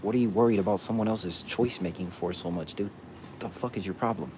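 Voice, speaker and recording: A man's voice: fairly low pitch, fast, a little mellow, slight background noise. A man answering viewers' questions in casual chat, blunt and profane, tossing "bro" into nearly every thought.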